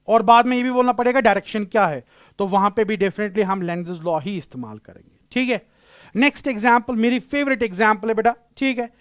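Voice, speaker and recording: A man's voice: very high-pitched, a bit bright, clean tone, no room sound, clean studio sound. A male physics teacher giving a classroom lecture, explaining patiently, repeating key phrases and using terms.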